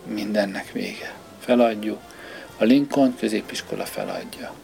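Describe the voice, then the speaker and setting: A man's voice: lowish voice, wildly swooping pitch, vocal fry, a little mellow, exaggerated voice. A man reading the part of an anxious, exasperated middle-aged bandmaster in an audiobook, with music underneath. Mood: distressed. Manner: pleading, exasperated.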